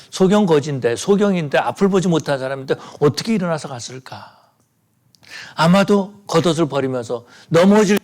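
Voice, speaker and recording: A man's voice: medium pitch, darkish tone. A man preaching a sermon as pastor, retelling Bible stories and acting out the voices in them, building to emphatic peaks.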